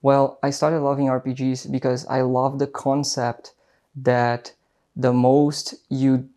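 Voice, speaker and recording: This vlogger is a young man from Brazil whose first language is Portuguese, so his English carries an accent. Warm and mid-range, his voice has a flat delivery at a slow pace. Speaking off the cuff to camera, he wanders through his thoughts with lots of fillers and false starts.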